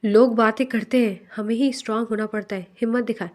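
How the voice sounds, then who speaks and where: A woman's voice: on the high side, fairly even intonation, normal speed, warm tone, lightly acted. A woman reading a male office boss. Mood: concerned. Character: male office boss, caring then menacing.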